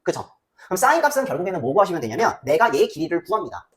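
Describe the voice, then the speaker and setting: Teaching math very fast, a woman with a sing-song voice on the low side keeps the casual lecture chatty. She often asks the class to check along with her and supplies the students' answers in her own voice.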